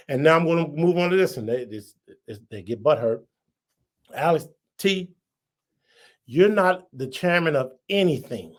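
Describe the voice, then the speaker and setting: A man with a fairly high-pitched voice hosts a podcast and delivers an angry political tirade. He hammers the same insults again and again. His level swings from low, grumbling asides to loud, shouted accusations. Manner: heated, insulting, repetitive tirade. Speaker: podcast host. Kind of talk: political rant.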